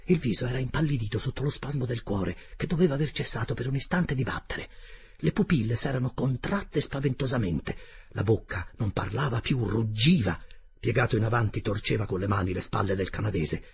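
Gravelly, husky male audiobook narrator. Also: medium pitch, a little fast, no room sound.

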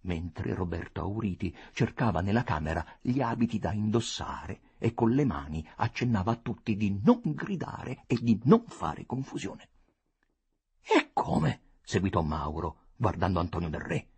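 A man giving an expressive, theatrical audiobook reading of a story. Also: deep voice, moderate pace, hardly any pauses, slightly rough. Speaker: narrator.

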